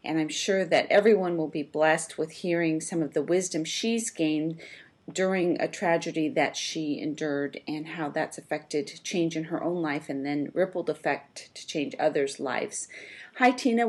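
A woman hosting an interview show, asking gentle, long winding questions. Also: low-pitched, normal speed, husky. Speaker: host.

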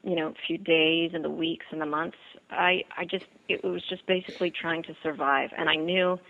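A woman from the Bahamas, telling her personal story as an interview guest, earnest and halting with fillers and repeats, heard over a phone line. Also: deep voice, fairly even intonation, vocal fry.

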